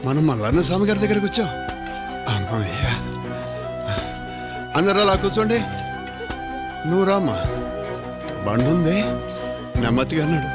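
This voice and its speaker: A man in a dubbed film playing a kindly elder who gently comforts and coaxes a frightened girl. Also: a little high, very animated, normal speed, long pauses, loud music behind the voice.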